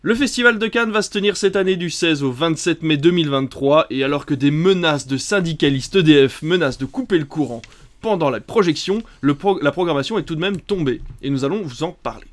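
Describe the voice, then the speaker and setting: A man's voice: fairly high pitch, lively intonation, fairly quick, faint music behind. A man hosting a casual film podcast, reading a long list of titles with many hesitant fillers. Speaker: podcast host.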